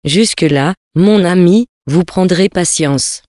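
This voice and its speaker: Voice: mid-range voice, slow pace, darkish tone, dry recording, clean studio sound, lightly acted. A reader voicing a cool, businesslike young woman.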